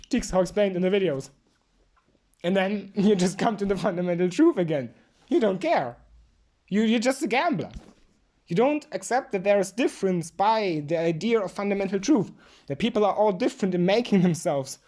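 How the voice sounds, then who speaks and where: A woman's voice: lowish voice, warm tone. A woman giving a drunk, rambling philosophical monologue, emphatic and repeating herself.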